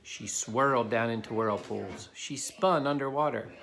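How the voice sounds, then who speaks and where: With soft music playing behind him, an adult man reads a kids' picture book aloud and explains things plainly to a child helper. His voice sits in the mid-range, a little slow and fairly bright, and background noise comes through clearly.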